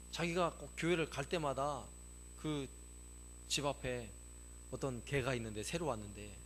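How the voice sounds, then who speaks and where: A man's voice: fairly high pitch, a bit bright, slight background noise. A middle-aged man preaching a sermon as pastor, emphatic and insistent, repeating his points.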